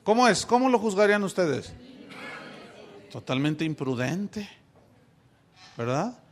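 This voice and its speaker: Animated high-voiced preaching man. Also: slow. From Mexico. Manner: animated preaching with rhetorical questions to the congregation. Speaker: pastor. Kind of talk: sermon.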